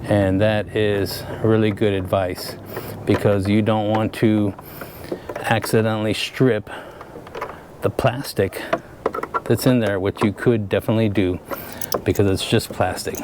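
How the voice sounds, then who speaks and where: A man's voice: lowish voice, fairly even intonation, measured pace, pauses often, noisy background. Easygoing man reviewing car lights. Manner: rambling, easygoing, many filler words. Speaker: channel host and product reviewer. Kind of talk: casual product review. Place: by a vehicle, showing its lights.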